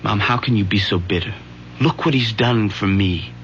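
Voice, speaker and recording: A man's voice: fairly low pitch, moderate pace, a bit bright, natural voice. A man playing a frightened, defensive young son in a radio drama, agitated and argumentative with pleading resentment. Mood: exasperated. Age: young adult. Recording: muffled old radio broadcast, faint hiss.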